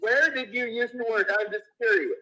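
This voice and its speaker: A man calling in to a live show on speakerphone, answering in a soft, hesitant, halting way. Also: extremely high pitch, low-quality recording.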